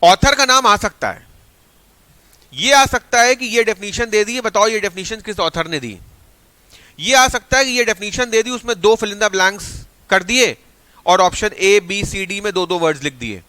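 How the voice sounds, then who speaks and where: Bright high-voiced teacher. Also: male voice, normal speed, no echo. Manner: energetic, mixes Hindi with English phrases. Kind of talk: online exam-prep lecture.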